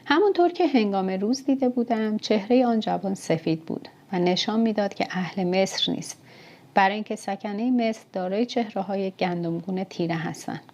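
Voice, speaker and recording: A woman reads a historical novel aloud in the first person at a steady, measured pace. Her voice is warm and dark-toned. The audiobook recording sounds muffled and lo-fi. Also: mid-range voice. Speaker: audiobook narrator.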